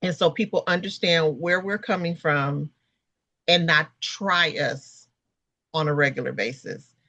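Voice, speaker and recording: A woman co-hosting a podcast in casual chat, pausing often with fillers and restarts. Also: deep voice, pushed and bright, no room sound, muffled recording. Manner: halting, many restarts and fillers. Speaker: podcast co-host.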